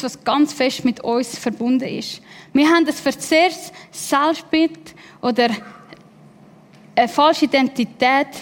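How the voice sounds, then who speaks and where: High-voiced woman preaching, hall reverb. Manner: emphatic repetition and rhetorical questions. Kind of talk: sermon.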